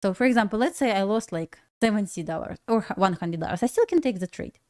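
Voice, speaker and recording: A young woman from Belarus, Russian by first language and accent, chats informally with her viewers while hosting a trading livestream, laughing repeatedly and restarting her phrases haltingly. Her mid-range voice is expressive and a little mellow.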